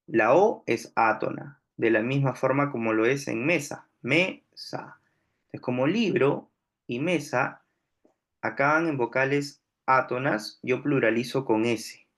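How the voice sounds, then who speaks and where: A male teacher walks through a grammar lesson at an unhurried, careful pace. His voice sits at an ordinary middle pitch. He keeps pausing to check that his listeners are following. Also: fairly bright tone. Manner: slow, deliberate explaining with frequent checks "¿no?". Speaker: language teacher.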